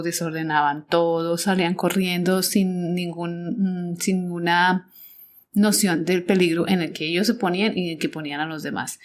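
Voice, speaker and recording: Colombian woman, lowish voice, reflective storytelling podcast host, repeats herself, restarts sentences.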